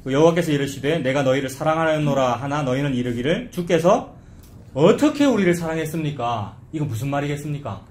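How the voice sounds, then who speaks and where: This pastor speaks fast and fairly high as he preaches an expository sermon in a church sanctuary, the room echoey with faint ambience. His delivery is conversational and full of questions for the congregation, and he parodies complaints he quotes with a mocking dialect voice.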